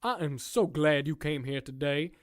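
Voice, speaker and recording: An actor in a scripted audio drama voices the sinister warden of a prison circus, drawling theatrically at a middling pitch. His glib, folksy delivery drips with smug mock politeness, chatty and teasing. The performance is expressive but lightly acted, at a moderate pace.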